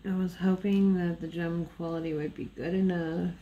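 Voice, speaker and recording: A diamond painting vlogger, apparently just out of bed, chats in a rambling, nasal way full of fillers and little laughs while working on a craft at an indoor table. Her voice sits on the low side with little pitch movement, a warm tone, and a normal pace. The audio sounds dull.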